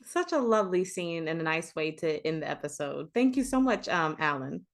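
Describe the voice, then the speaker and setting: A woman's voice: sits low, very animated, normal speed. A woman hosting a podcast, wrapping up an interview in a friendly, conversational way. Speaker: podcast host. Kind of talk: casual interview.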